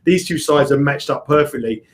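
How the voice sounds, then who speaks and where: A man talking as a guest tipster on a live betting stream, rushing and restarting his sentences. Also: on the high side, slight background noise. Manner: rapid, restarts often, repeats himself.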